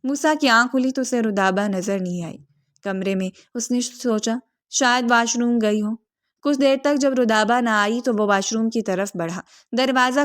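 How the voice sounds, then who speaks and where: A woman reading a romantic novel aloud in scripted narration, with steady storytelling. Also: a little high.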